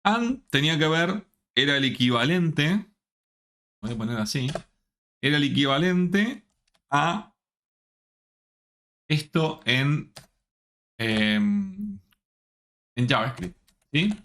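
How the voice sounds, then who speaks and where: Slow-talking teacher. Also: male voice, fairly high pitch, sing-song, a bit bright. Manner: slow, checks in often with the students. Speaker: programming teacher. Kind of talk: live online class.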